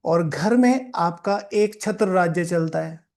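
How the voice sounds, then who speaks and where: High-voiced man teaching scripture. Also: slow pace, a little mellow. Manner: repeats key phrases for emphasis; mixes English words into Hindi. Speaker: spiritual teacher. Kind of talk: explaining a scripture reading.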